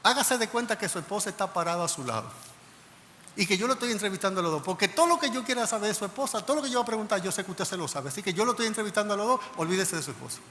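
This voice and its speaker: Brisk female consul, matter-of-fact, pitched up, played by a male preacher, in an echoing hall. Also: animated, bright, forceful tone. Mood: reassuring. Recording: reverberant church hall, faint noise.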